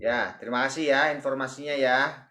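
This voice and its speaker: Guy running a church group video call, polite and brief, average pitch. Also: steady tone, a little fast, pushed and bright. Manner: polite, short acknowledgements. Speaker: fellowship moderator. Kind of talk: casual group call moderation.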